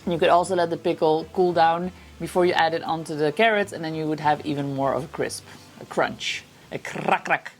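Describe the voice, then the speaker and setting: A woman hosting a cooking video and walking through a recipe with steady step-by-step instructions. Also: low-pitched, fast talker, hardly any pauses. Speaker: cooking show host.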